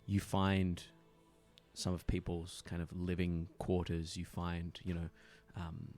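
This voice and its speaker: Very deep-voiced guy dming a tabletop game, laid back, faint music under it. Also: slow. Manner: relaxed, describing scenes with fillers. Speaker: game master.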